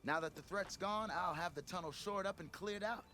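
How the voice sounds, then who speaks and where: An actor playing a blustering, scheming expedition boss in a video game, with the theatrical, wheedling patter of a petty crook. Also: male voice, sits high, normal speed, pushed and bright, a little hiss or hum. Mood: triumphant. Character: blustering, scheming male chief delver and expedition leader. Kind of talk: video game character acting.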